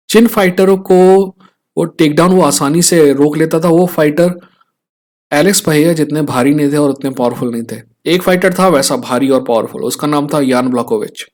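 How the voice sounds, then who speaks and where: A young Indian man giving a casual fight breakdown, checking in with viewers through frequent tag questions as he talks. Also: fairly high pitch. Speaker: fight analyst host. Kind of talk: casual explainer talk.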